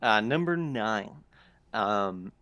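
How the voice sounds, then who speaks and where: A man hosting a casual tabletop gaming podcast, often pausing with ums and restarting his sentences. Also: fairly low pitch, animated, sharp tone. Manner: hesitant, lots of ums and restarts. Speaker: podcast host.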